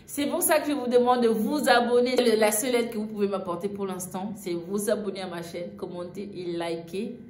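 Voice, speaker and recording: A woman's voice: mid-range voice, fairly even intonation, fairly quick, hardly any pauses, darkish tone. A young woman from Gabon, casually telling a travel story, full of fillers and asides. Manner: chatty, frequent fillers and "en fait". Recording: echoey room, faint ambient noise.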